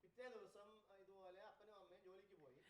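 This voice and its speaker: A man preaching, telling a story lively and quizzing his congregation. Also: high-pitched, fast talker. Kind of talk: storytelling sermon. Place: church gathering.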